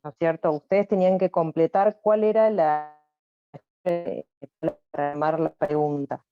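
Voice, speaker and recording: Low-voiced Argentine woman teaching an online class. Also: no echo, dull audio. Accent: Argentine Spanish. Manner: patient, repetitive explaining with many fillers. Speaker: English teacher. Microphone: computer mic on a video call.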